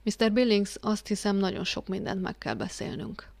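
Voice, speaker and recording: A woman voicing a calm, measured male psychiatrist who speaks softly and clinically. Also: medium pitch, creaky, no echo.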